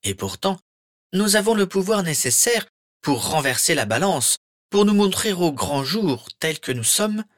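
A man voicing a cold, menacing dark wizard with a high, silky, hissing voice. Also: no room sound, studio quality. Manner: slow, honeyed, threatening. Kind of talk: audiobook character voice.

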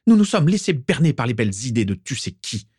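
A man's voice: medium pitch, very animated, fairly quick, a little mellow, slightly rough, no echo, studio quality, pitched above the performer's own voice. A man voicing a stern, commanding pure-blood mother in a storybook reading, giving orders with cold authority. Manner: imperious, ordering.

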